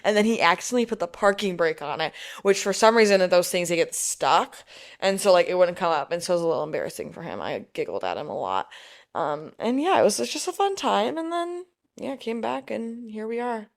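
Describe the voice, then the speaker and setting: A woman's voice: medium pitch, very animated, fairly quick, vocal fry. A woman co-hosting a podcast, telling a weekend story in casual chat, rambling with lots of "like" and frequent swearing. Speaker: podcast co-host.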